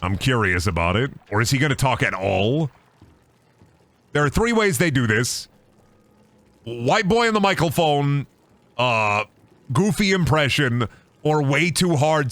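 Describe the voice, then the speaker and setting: A man doing comedic commentary on a game stream, crude, joking and animated. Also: mid-range voice, slow, pauses often, no room sound. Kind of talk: comedic let's-play commentary.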